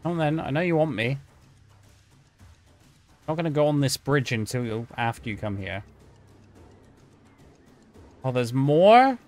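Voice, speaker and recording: A man's voice: medium pitch, big pitch swings, unhurried, long pauses, a little mellow, faint music behind. A man streaming a video game, chatting to his viewers, joking and yelping at scares. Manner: chatty, jokey, talks to chat, yelps at scares. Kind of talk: gameplay commentary.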